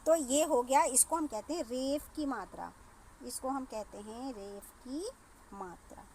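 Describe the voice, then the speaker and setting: A woman teacher explaining a grammar lesson to children, slowly spelling out sounds and repeating words. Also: high-pitched, mellow, slight background noise. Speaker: school teacher. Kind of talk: classroom lesson.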